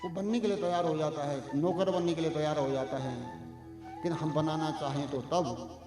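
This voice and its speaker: High-voiced male preacher in an echoey hall. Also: normal speed, music in the background. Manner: lively, calls to the crowd, chants Sanskrit verses.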